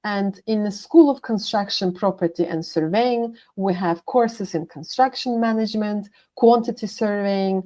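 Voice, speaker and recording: A woman's voice: mid-range voice, warm tone. A woman working as a university international manager, giving a scripted presentation and methodically listing course names.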